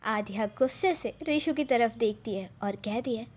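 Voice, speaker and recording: A woman reading a romance story aloud in a plain, unhurried narration. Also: on the high side, darkish tone, slight background noise.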